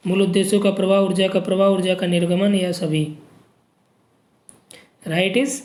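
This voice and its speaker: A man's voice: sits high, level tone, normal speed, a little mellow. Man teaching exam prep, echoey room. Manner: reads options aloud, frequent "ठीक" checks. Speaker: geography teacher.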